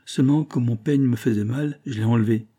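A man's voice: mid-range voice, brisk, mellow, close to an everyday voice. A man voicing a hot-tempered, defiant young woman in an audiobook reading, with an insolent, mocking manner.

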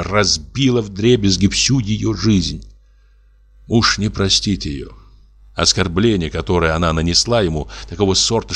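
Low-voiced man reading a story aloud. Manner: measured, expressive reading. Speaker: narrator. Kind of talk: audiobook reading of classic fiction.

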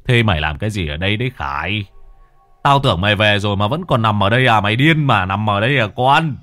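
A rough middle-aged fisherman father, as a man puts him on, loud and cursing as he scolds. The voice leaps around in pitch and sits dry and close. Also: very animated, normal speed, dry recording, faint music behind. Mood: scolding. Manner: loud, scolding, coarse curses.

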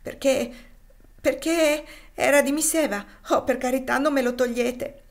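A woman voicing a stubborn, tearful young girl in an audiobook reading, with shrill pleading cries. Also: fairly even intonation, a little slow.

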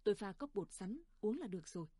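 A woman's voice: mid-range voice, animated, quick pace, dark tone, breathy edge, no room sound, clean studio sound. A woman voicing a tired, stubborn old village mother who brushes off worry. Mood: tired, dismissive.

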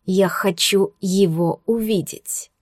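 A woman voicing a domineering young male werewolf in an audiobook, speaking low, hushed and slow. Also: fairly even intonation, no room sound, studio quality. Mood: menacing. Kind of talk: audiobook character voice.

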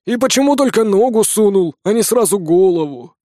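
A man voicing a small red-bearded old dwarf healer who grumbles and mocks in a high, almost tenor voice. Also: animated, brisk, dark tone, no room sound, studio quality. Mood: mocking banter. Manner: mocking, grumbling.

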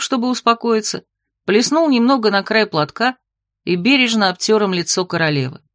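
A woman narrating a fantasy novel in an even, measured reading. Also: medium pitch, no echo, studio quality. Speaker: audiobook narrator.

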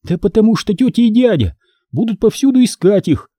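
An eager young girl with a high, lively, excitable voice , as a male audiobook reader puts her on. She talks in a quick, breathless rush, full of bright ideas, with a dark, husky grain beneath the lift. Close and dry on the microphone. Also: no room sound. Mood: excited. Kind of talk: audiobook character voice.

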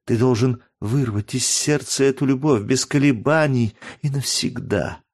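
A man's voice: mid-range voice, measured pace, darkish tone, voice pushed up. A man reading aloud, voicing a proud young woman who speaks through tears in an audiobook. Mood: sorrowful. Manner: trembling, tearful pleading.

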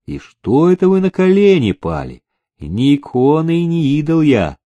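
A man's voice: on the high side, big pitch swings, a little slow, mellow, voice pushed up. A man putting on a smug, sugary clerk. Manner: drawling, sweetly mocking. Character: smug, sugary old male government clerk.

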